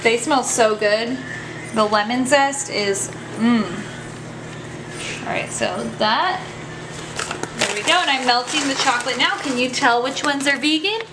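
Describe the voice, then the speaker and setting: A woman's voice: a little high, measured pace, long pauses. A woman hosting a casual home cooking vlog, chatting upbeat to the camera as she bakes. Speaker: cooking show host. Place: home kitchen. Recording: echoey kitchen, noisy background.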